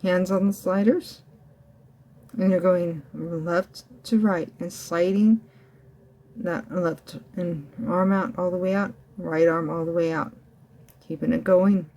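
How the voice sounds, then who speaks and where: A woman's voice: fairly low pitch, steady tone, takes it slowly, mellow. A woman working as a fitness instructor, coaching a home ab workout while demonstrating the floor exercises herself. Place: indoors at home.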